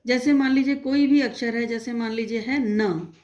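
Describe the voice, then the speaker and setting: A woman teacher slowly and patiently explaining a Hindi phonics lesson to young children, asking them questions as she goes. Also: on the high side, a little mellow. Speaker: primary school teacher.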